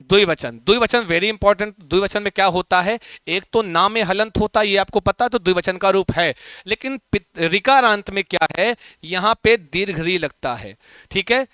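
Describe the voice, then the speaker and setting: Bright-voiced, high-pitched male teacher. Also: clean tone, no echo, studio quality. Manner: chatty, repeats key points and quizzes students. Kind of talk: live online class.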